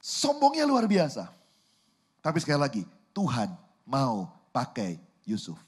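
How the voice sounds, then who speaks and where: A man pastor preaching a sermon, telling a lively story and often addressing the congregation directly. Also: medium pitch, a little slow, husky. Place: church.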